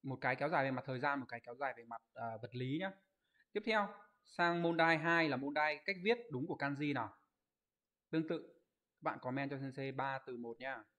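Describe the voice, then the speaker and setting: A man teaching an online Japanese exam review class. He explains each answer step by step, keeps asking his students to confirm, and reads out their comment answers in a quick list. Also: medium pitch, sharp tone. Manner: explains step by step, asks rhetorical check questions.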